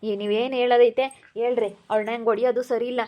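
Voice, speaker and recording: A woman's voice: fairly high pitch, little pitch movement, fast talker, muffled recording, natural voice. A woman playing a middle-aged uncle who firmly defends his niece in an amateur family drama. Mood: scolding. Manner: firm, scolding, then protective.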